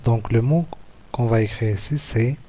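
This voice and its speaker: This man, a teacher with an Algerian French accent, has a mellow voice in the middle range. He leads a slow, patient walkthrough of written exercises, saying words and syllables over again.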